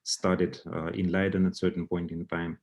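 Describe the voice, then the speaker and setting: Speaking into a video call microphone, a man runs an online alumni session and invites people to talk in turn, filling gaps with many hesitant fillers. He has a deep, slightly mellow voice, a level tone, and a moderate pace.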